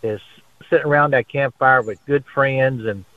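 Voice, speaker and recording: A man's voice: mid-range voice, moderate pace, no room sound. A man calling in to a radio show by phone and chatting casually. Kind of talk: casual friendly phone chat. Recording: narrowband phone line.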